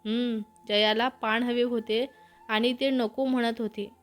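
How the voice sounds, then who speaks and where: A woman voicing a gentle, caring young woman in a storybook reading, explaining patiently and soothingly. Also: fairly high pitch, little pitch movement, a little slow, soft background music, close to an everyday voice. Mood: calm.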